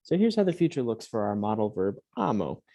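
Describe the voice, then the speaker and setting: A man teaching a Latin lesson to young students, patiently drilling words aloud slowly and clearly. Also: lowish voice, sing-song, dark tone. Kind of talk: recorded classroom lesson.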